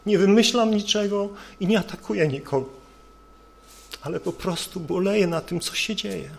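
A man's voice: high voice, normal speed, vocal fry. A male preacher delivering an earnest sermon, building his points with rhetorical questions.

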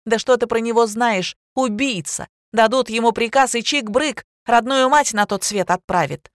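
A woman voicing a brazen young mistress who talks in a loud, high, accusing way. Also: sing-song, normal speed, no echo, clean studio sound. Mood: shrill accusing.

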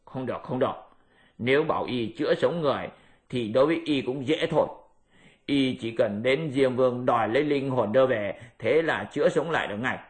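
A man's voice: medium pitch, a little fast, close to an everyday voice. A man voicing a lazy, sly pig-monk disciple who grumbles and schemes. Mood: scheming.

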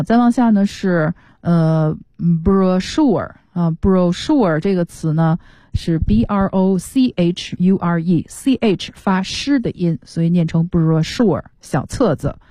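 A woman's voice: lowish voice, unhurried, mellow, no echo. Patient woman teaching English on radio. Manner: patient, explanatory, mixes English terms into the explanation.

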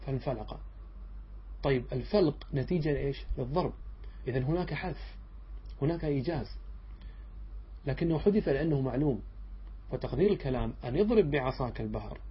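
Husky-voiced sheikh teaching a class. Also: male voice, on the high side, animated, quick pace, pauses often. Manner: asks students questions and answers them himself; checks understanding with short asides. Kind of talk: classroom lecture explaining a text line by line. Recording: dull lo-fi lecture recording.

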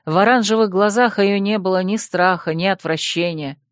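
Audiobook narrator: measured, expressive delivery, mid-range pitch, dry close mic. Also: clear, resonant tone, dry recording.

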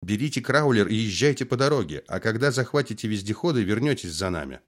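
A man's voice: fairly low pitch, expressive, quick pace. An audiobook reader voicing a firm young woman who reasons matter-of-factly.

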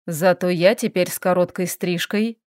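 A woman voicing a calm, teasing male elf in an audiobook, speaking a little lower and steadier than her narration. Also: moderate pace, no echo, studio quality, lightly acted.

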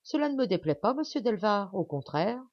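A woman's voice: medium pitch, sing-song, fairly quick, darkish tone, no echo, dull audio, voice pushed up. A woman voicing a proud, angry young woman aviator with a clipped, tense delivery. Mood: gracious.

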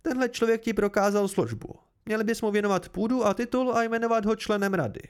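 A man voicing a haughty, blunt noblewoman in an amateur audiobook reading, with sharp indignant outbursts. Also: sits high, steady tone, clean tone, voice pushed up, natural voice.

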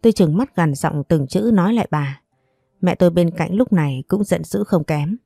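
A woman narrating a first-person story in an emotional, measured way. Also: fairly low pitch, creaky, dark tone, breathy edge, no echo, studio quality, soft background music.

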